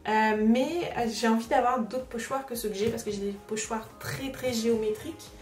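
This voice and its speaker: A woman's voice: a little high, normal speed, far from the mic. A woman hosting a casual craft unboxing vlog, chatty and hesitant, with many filler sounds. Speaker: craft vlogger host. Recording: roomy echo, voice away from the mic, music behind. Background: background music.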